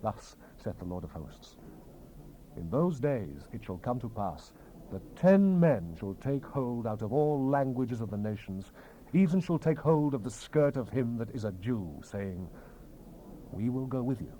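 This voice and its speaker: Heard through the hiss of a low-quality 1970s cassette rip, a man gives a dramatized, declamatory reading of King James scripture, solemn and theatrical. His mid-range voice is mellow and unhurried, with lively intonation.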